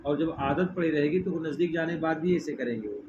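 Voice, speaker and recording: A middle-aged man, teaching a religious lesson in a hall. He keeps asking his listeners questions and has them repeat phrases back. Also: fairly high pitch. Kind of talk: religious lesson with call-and-response. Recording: muffled with steady background noise.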